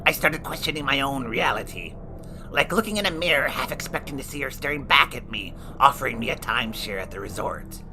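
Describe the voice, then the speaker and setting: Playing a sarcastic horror host with a burnt, shriveled face, a male actor delivers scripted comedic review banter in a jokey, theatrical manner. His mid-range voice is animated, fairly quick and close to an everyday voice, with background noise and music underneath.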